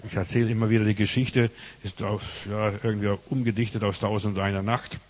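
A man's voice: fairly low pitch, little pitch movement, fast. A man preaching a sermon, telling stories with emphatic, repeated phrases. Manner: voices characters loudly in stories. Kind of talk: sermon with storytelling.

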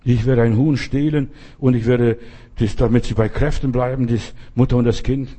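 Man doing a sly storybook fox, persuasive, eager, mellow tone. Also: medium pitch, steady tone, normal speed, natural voice. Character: sly, cunning male fox offering to steal.

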